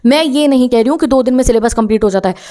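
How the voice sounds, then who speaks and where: A woman's voice: a little high, rapid-fire, mellow. A young woman giving students study advice in a direct, urgent motivational talk, often acting out their thoughts.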